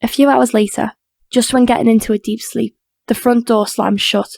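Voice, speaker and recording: A woman narrating an audiobook crime drama in a steady, even reading voice. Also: a little high, normal speed, gravelly, dry recording. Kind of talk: scripted narration.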